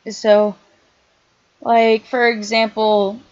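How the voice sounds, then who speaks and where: A young woman casually explaining her screaming technique in a halting, quiet way, with many fillers and restarts. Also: a little high, level tone, dull audio. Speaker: vlogger. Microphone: iPad held close.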